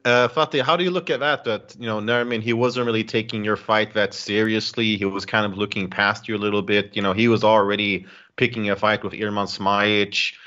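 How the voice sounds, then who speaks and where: Forceful low-voiced male interviewer. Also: steady tone, a little fast, hardly any pauses. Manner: fluent, articulate. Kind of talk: conversational sports interview questioning. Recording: dull, band-limited audio.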